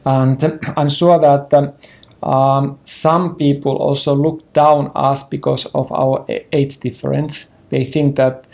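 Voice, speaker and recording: Older man, Finnish accent, non-native English, halting, throat-clearing, gravelly, mellow tone. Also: medium pitch, flat delivery. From Finland. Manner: halting, careful, with many fillers and throat-clearing. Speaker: interview guest, partner in conversation. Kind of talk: personal conversation on a sofa. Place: indoor living room with bookshelves.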